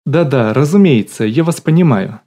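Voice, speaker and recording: A man's voice: medium pitch, animated, moderate pace, mellow, voice pushed up. Man putting on a bossy woman barking orders. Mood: syrupy eager. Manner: switches from syrupy sweetness to barking drill-sergeant commands. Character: bossy middle-aged woman, sugary then barking orders.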